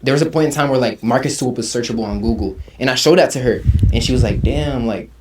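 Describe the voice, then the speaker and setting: Here's a young Ugandan man in his twenties, a rapper guesting on an interview, talking at a quick pace in a mid-range voice. He sounds relaxed, uses plenty of slang, and often tosses in "you feel me."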